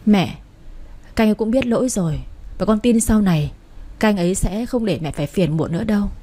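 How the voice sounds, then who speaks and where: Calm youngest son smoothing things over, mellow, woman reading. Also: mid-range voice, brisk, natural voice. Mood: soothing. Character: gentle youngest son, peacemaker.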